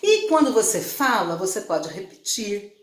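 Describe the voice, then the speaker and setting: A woman's voice: mid-range voice, big pitch swings, measured pace. A woman teacher with a Brazilian Portuguese accent, giving a chatty lesson, repeating points and asking her students questions. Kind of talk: online class lesson. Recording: echoey room.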